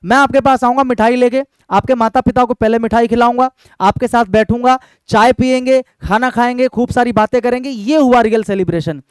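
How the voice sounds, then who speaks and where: A man's voice: very high voice, a little fast, smooth, no echo. A young man, an exam-prep English teacher, talking earnestly to his students and often checking in with them. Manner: earnest, keeps checking in with "ठीक है?" and "भाई". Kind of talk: direct-to-camera talk to students.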